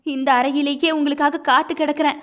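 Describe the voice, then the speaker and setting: A woman's voice: high voice, little pitch movement, brisk, fairly bright tone, highs cut off. A woman voicing a grieving young wife, impassioned and pleading through tears. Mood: tender.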